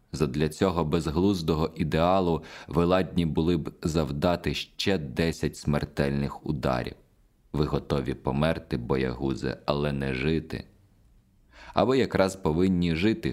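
A sardonic spirit of a composer lectures and mocks, dry and cutting in his irony, as a male audiobook reader puts him on. The voice sits extremely low. It is a storybook telling in scolding, lecturing tones. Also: darkish tone. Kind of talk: audiobook dialogue reading.

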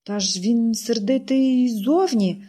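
A woman's voice: a little high, slow pace, warm tone. A woman reading an audiobook, voicing an eager, pleading young girl. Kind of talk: audiobook character voice.

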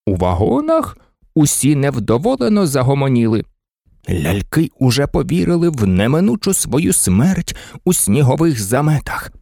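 Storybook narrator reading expressive and sing-songy, pitch moves a lot, close dry mic. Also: moderate pace, gravelly, no room sound.

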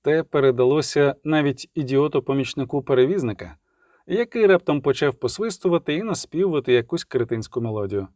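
Male audiobook narrator, mellow dark tone, dry close mic. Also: medium pitch, lively intonation, a little fast, no room sound. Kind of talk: scripted narration.

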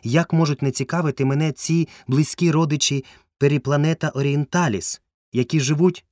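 A man's voice: on the high side, fairly even intonation, moderate pace, darkish tone, dry recording, voice pushed up, lightly acted. A man voicing a fussy, eccentric male entomologist, pedantic and easily indignant, in a dry, close recording.

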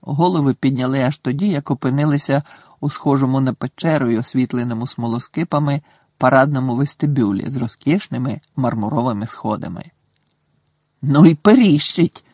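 A man reading a storybook aloud in steady, expressive scripted narration. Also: medium pitch, a little fast, no room sound. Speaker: audiobook narrator.

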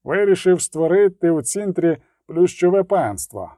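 Man reading as a calm merchant, knowing, measured, animated pitch, mellow, storybook. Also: no room sound, studio quality. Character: calm, knowing middle-aged male merchant.

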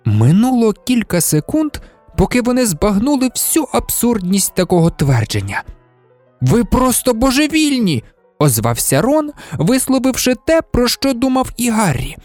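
A man narrating an audiobook in a lively, expressive reading style. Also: sits high, normal speed, no room sound. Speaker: audiobook reader. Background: faint background music.

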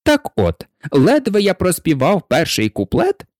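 A reader voicing an eccentric, mournful male hatter in a storybook, rambling and excitable, with frequent hesitations. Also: medium pitch, measured pace, no room sound, studio quality, voice pushed up. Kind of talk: storybook reading.

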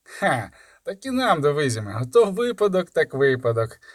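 Man doing a loud, chummy young lad. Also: a little high, big pitch swings, moderate pace, no room sound, studio quality. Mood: jovial. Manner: loud and overly friendly. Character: loud, cheerful young man, boastful old acquaintance.

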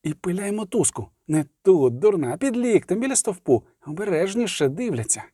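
Man voicing a hissing, scheming young captive; quiet, dry, close. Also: high voice, sing-song, a little fast, slightly rough, no room sound, pitched above the performer's own voice, full character voice. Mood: hissed urging. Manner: hushed hissing commands. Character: cold scheming young male prisoner, hissing.

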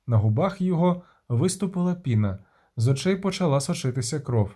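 Guy narrating an audiobook, mellow warm voice, kinda high. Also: lively intonation, brisk.

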